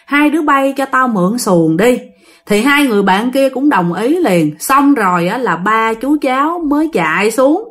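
A woman's voice: fairly high pitch, a bit bright. A woman telling a ghost story in a chatty way, speaking straight to her listeners. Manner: chatty, addresses listeners directly.

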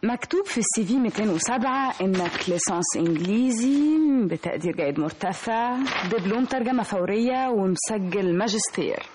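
A woman's voice: medium pitch, lively intonation, a little fast, background noise, close to an everyday voice. An actress playing a flirtatious Egyptian woman hiring manager in a radio drama, with an Egyptian Arabic accent, slipping English phrases into her speech. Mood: teasing. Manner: teasing, mixes English phrases.

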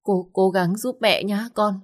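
A woman's voice: fairly low pitch, measured pace, husky. A woman voicing an anxious older mother, tearful and pleading, in a storybook reading. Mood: distraught.

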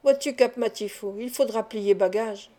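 A woman's voice: a little high, normal speed, warm tone, natural voice. Woman reading as wry little acrobat. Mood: teasing. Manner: sententious, teasing. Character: clever small male street acrobat, wry.

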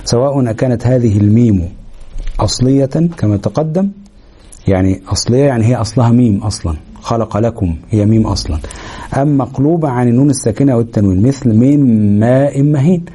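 A man's voice: medium pitch, warm tone, slightly rough. A man with an Egyptian Arabic accent teaching tajweed rules, explaining step by step and checking that listeners follow. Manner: explains step by step, pauses with fillers, checks understanding. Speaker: Quran recitation teacher. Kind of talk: explanatory lesson.

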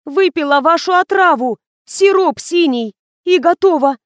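A woman reading the part of a stern, blunt young woman who speaks flatly. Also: high-pitched, measured pace, dry recording, voice pushed up.

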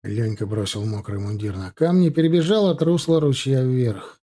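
A man's voice: mid-range voice, expressive, normal speed, mellow, slightly rough. A man narrating a historical novel as an audiobook, reading every character's lines himself with light changes of voice. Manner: reads all characters in a lightly varied voice.

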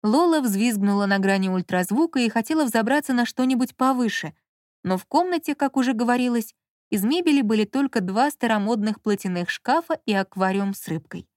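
A woman narrating an audiobook in an even storytelling manner. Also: a little high, a little fast, no echo, studio quality.

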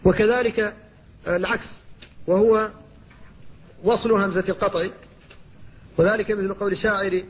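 A middle-aged man with a Mauritanian Arabic accent, teaching Quran recitation with slow, careful demonstrations of pronunciation. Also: high-pitched, fairly even intonation, slightly rough, muffled recording. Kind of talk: explanatory lesson on tajweed.

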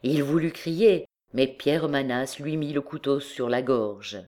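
A woman's voice: very deep voice, a little slow, darkish tone. Woman reading a classic novel aloud. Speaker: audiobook narrator. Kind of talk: scripted narration of a classic novel.

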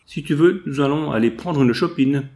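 A man's voice: on the high side, normal speed, darkish tone, voice pushed up, natural voice. A man voicing a sly, scheming male friend in an audiobook, speaking in an insinuating, mock-sympathetic way. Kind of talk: audiobook dialogue reading.

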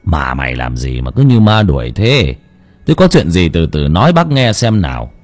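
A man's voice: deep voice, sing-song, normal speed, a little mellow, soft background music. Guy playing a worried old village dad, flustered, voice jumping up and down. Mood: scolding. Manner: flustered, pleading questions. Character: worried elderly village father.

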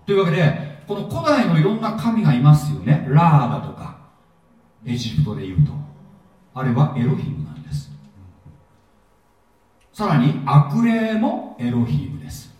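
A man lecturing a Bible seminar with a swinging, animated delivery and a mellow tone. He jokes and quizzes the audience as he goes. The sound is heavily echoey and picked up from some distance. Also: a little high, normal speed, long pauses. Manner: lively, jokey, asks the audience questions. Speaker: pastor and seminar teacher. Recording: echoey hall, mic at a distance.

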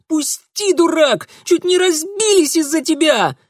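A small, fierce village girl who screeches in a shrill, very high voice, as a male reader puts her on. Her pitch leaps far above his own and swings widely, recorded close and dry. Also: animated, unhurried, no echo. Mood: shrieking. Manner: shrieking, screeching.

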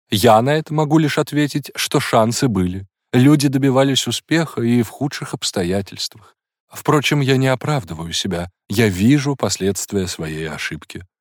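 A man's voice: on the low side, no echo, clean studio sound, pitched above the performer's own voice. A man reading an audiobook, voicing a proud, tormented woman in an emotional, intense manner.

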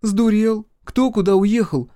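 A man reading an audiobook and voicing a bored, sharp-tongued teenage girl. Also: on the high side, very animated, moderate pace, no room sound, clean studio sound, pitched above the performer's own voice. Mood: irritated.

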